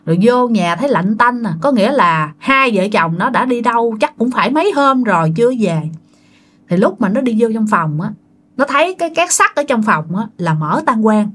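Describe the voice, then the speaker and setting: A woman with a Southern Vietnamese accent tells a ghost story offhand and conversational, full of fillers and direct asides to her listeners. Her voice sits a little high for a woman. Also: very animated, normal speed, a bit bright, slight background noise. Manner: chatty, addresses listeners directly, many fillers. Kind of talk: casual spoken ghost story.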